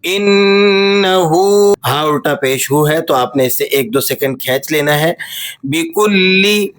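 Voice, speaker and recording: A man teaching Quran recitation, with a Pakistani Urdu accent, explaining the rules quickly and then reciting verses slowly and melodically. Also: mid-range voice, level tone, fairly bright tone. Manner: switches between quick explanation and slow, drawn-out melodic recitation. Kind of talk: tajweed lesson, explaining and reciting.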